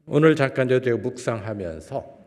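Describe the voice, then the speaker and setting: A man preaching a sermon in a church, asking the congregation questions and swinging between loud and soft phrases. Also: medium pitch, expressive, normal speed. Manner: asks the congregation rhetorical questions. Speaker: guest preacher, professor. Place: church sanctuary. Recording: long church-hall reverb.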